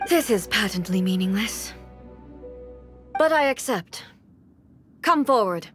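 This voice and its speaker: A woman playing an aloof, all-powerful shogun in a video game, speaking in a commanding, formal, measured way. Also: mid-range voice, lively intonation, soft background music. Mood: stern, dismissive. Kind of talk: dramatic video game voice acting.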